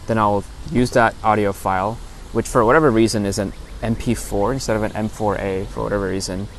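Man, lowish voice, casual podcast host, halting step-by-step explanation, lapel mic in an open field, outdoor background noise. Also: steady tone, rough recording. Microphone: lapel lavalier into a phone. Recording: outdoor park recording with clear background noise.

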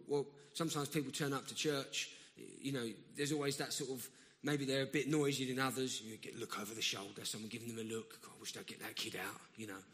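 Medium in pitch and fairly bright, this preacher from South London, England, delivers a conversational sermon in a church hall that echoes with long reverb. He often restarts mid-thought and breaks into emphatic bursts.

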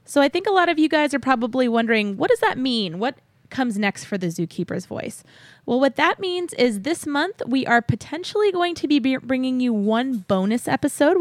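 A woman's voice: on the high side, expressive, fairly quick, no echo. A woman hosting a podcast, giving listeners a chatty update in a cheery, enthusiastic way. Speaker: podcast host. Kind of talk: upbeat podcast announcement, chatty.

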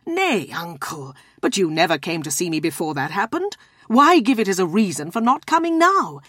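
A woman voicing a warm-hearted, cheerful young man in a storybook, speaking in a hearty, earnest, pleading way. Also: high voice, very animated, moderate pace, husky, no echo, clean studio sound, full character voice.

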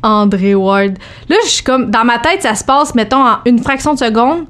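A woman with a Québécois accent, a boxer guest telling lively anecdotes in a casual chat. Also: fairly high pitch, moderate pace. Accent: Québécois French. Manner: animated anecdote teller, acts out quotes.

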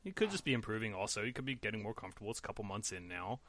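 A man's voice: fairly low pitch, animated, racing, a bit bright. A man hosting a casual esports podcast, talking loosely and correcting himself as he goes. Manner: loose, rambling, self-correcting. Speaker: podcast host.

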